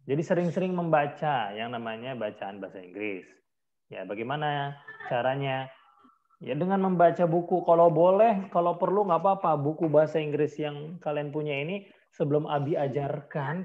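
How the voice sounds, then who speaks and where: A man with an Indonesian accent teaching an English lesson in an online class, speaking English phrases slowly and deliberately and clearing his throat often. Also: on the high side, highs cut off.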